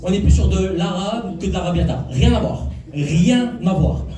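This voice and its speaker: Animated and high-voiced, a male comedian performs stand-up at a moderate pace before a live club audience, ribbing and working the crowd. He's heard from a distance in an echoey room.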